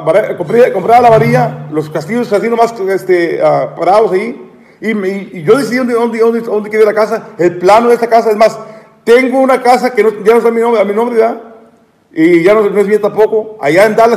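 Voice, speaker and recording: Stammering man with a high voice. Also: darkish tone, big-room sound. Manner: repetitive, stammering, aggrieved. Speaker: live streamer. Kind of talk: rambling live-stream monologue.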